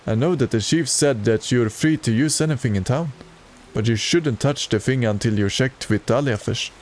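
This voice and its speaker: A man's voice: mid-range voice, normal speed, darkish tone, a little hiss or hum. A man streaming a video game and reading its dialogue aloud in a plain way, with occasional stumbles.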